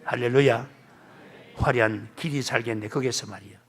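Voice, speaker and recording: A man's voice: medium pitch, moderate pace, a bit bright, husky. An older man with a Gyeongsang accent preaching a revival sermon and prayer in a church, in a folksy, emphatic cadence. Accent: Gyeongsang Korean. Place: church sanctuary.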